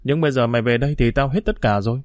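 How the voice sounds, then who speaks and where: A man's voice: medium pitch, very fast, dry recording, lightly acted. A man voicing a timid, clingy street boy. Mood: tearful. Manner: tearful, pleading, affectionate. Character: young male street urchin, timid and clinging.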